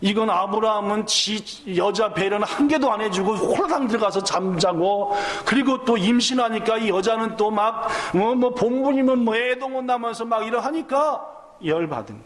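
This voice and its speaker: A man's voice: high voice, lively intonation, moderate pace, echoey room. A male pastor preaching a sermon, firing questions at the congregation and acting out the lines of the story. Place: church sanctuary.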